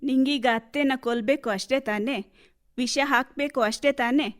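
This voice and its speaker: A serene holy woman, played by an actress in a radio play, she speaks in a gentle, measured, motherly way and her voice sits a little high. she offers her counsel slowly and patiently. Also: lightly acted. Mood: calm counsel. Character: wise calm female holy woman advising villagers. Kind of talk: radio drama acting.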